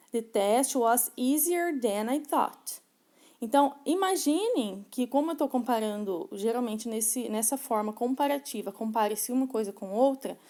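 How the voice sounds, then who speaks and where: A woman teaching grammar in a mellow, warm voice that sits a little high for her. She explains patiently, checks in with short tags and slows right down whenever she reads an example aloud. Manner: slows down sharply to read English examples. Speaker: English teacher.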